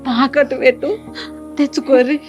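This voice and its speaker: A woman's voice: high-pitched, level tone, brisk, dull audio, natural voice. A woman playing a grieving village mother who pleads and weeps over her married son. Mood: tearful pleading. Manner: sobbing, pleading, lamenting. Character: grieving village mother, middle-aged, tender and tearful. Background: music.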